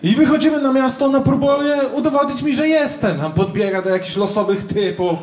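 A man doing a stand-up routine in front of a live crowd. He talks loudly and acts out shouted quotes. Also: very high voice, fairly quick. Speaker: stand-up comedian. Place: large comedy venue with live audience. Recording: echoey venue with audience noise.

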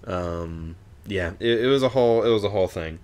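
A man's voice: deep voice, brisk, darkish tone. A man co-hosting a book podcast, recapping chapters in a rambling, profane way with frequent laughs. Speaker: podcast co-host. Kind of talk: casual book discussion.

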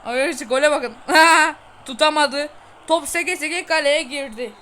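A woman giving excited let's-play commentary on her football game, chatty, urging her players on and boasting to viewers. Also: high voice, normal speed, a little hiss or hum. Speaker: gaming channel host.

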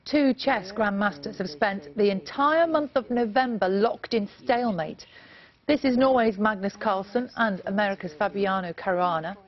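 A woman presenting a breakfast news sports bulletin in a brisk, chatty way. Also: mid-range voice, highs cut off. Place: TV studio.

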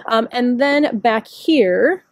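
A woman's voice: a little high, lively intonation, takes it slowly. A woman giving a casual walking tour of her rooftop container garden, chatty and self-deprecating, thinking aloud as she goes, recorded outdoors on a handheld phone. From Chicago area. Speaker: garden vlogger. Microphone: handheld phone camera, speaker off screen.

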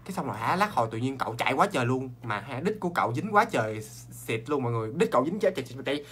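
A man with a Southern Vietnamese accent, hosting a ghost story show in a chatty, animated way and talking straight to his viewers. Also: mid-range voice, slight background noise. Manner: animated, talks straight to viewers, quick asides and laughs.

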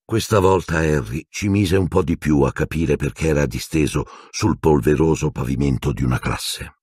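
A man narrating an audiobook in an expressive, dramatic storytelling manner. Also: extremely low pitch, normal speed, slightly rough, dry recording, clean studio sound. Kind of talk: scripted narration.

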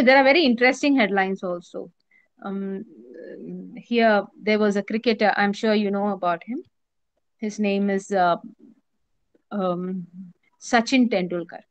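A woman with an Indian English accent teaching a journalism class online, explaining patiently, repeating her points and pausing with many fillers. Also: fairly high pitch, a bit bright, no echo.

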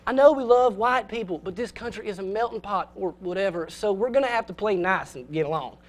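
A rowdy middle-aged coach with a thick Southern accent, put on by a man in a comedy sketch. He booms and hollers in a high, pushed voice, all bluster and folksy swagger. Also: brisk, natural voice. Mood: rousing. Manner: shouting pep-talk bluster.

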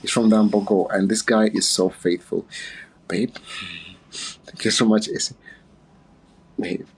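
A man's voice: on the low side, steady tone, unhurried, breathy edge, rough recording. A man from Uganda hosting a casual, playful livestream chat on his phone, chatting and laughing often. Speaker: livestream host.

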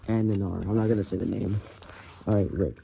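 Rambling low-voiced man calling out names. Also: steady tone, gravelly, noisy background. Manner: rambling, calls out names in quick succession, often corrects himself. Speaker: host of a toy car elimination series. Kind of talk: casual play-by-play narration.

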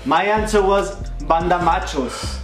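A young man with a high, light voice hosts a casual challenge vlog, joking with a friend and reading quiz questions aloud. He is recorded in a roomy, echoey bowling alley, with music playing faintly behind. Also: a little slow. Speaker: vlog host.

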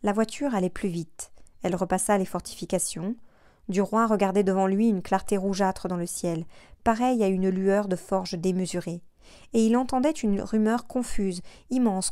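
A woman's mid-range voice carries a measured, expressive audiobook reading. It is scripted narration, captured as clean studio sound without echo.

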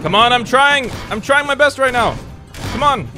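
A man doing let's play commentary, yelling and swearing at the game as he plays. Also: very high-pitched, expressive, normal speed. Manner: raging, shouting and swearing at the game. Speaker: gamer. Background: faint game music.

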